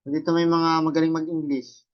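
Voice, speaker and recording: A man teaches katakana to a class, explaining each step and regularly quizzing students with rhetorical questions to check they follow. His slightly high voice is flat in delivery at a moderate pace, with the recording's highs cut off.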